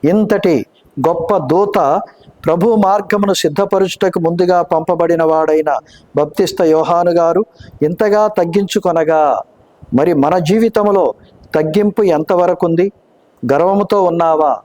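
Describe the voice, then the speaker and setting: Man, preacher, sermon, fairly high voice, slow deliberate scripture reading. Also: darkish tone, poor audio.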